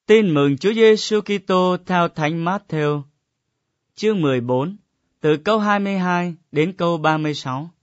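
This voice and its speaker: A man's voice: high-pitched, normal speed, no echo. Solemn man reading scripture. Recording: dull, dry lo-fi recording.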